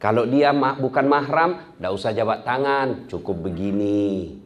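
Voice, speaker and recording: A middle-aged man, giving a humorous sermon that swings from loud to soft. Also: medium pitch, unhurried, muffled recording. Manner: lively, acts out quarrels in a raised voice, swings from loud to soft. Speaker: preacher.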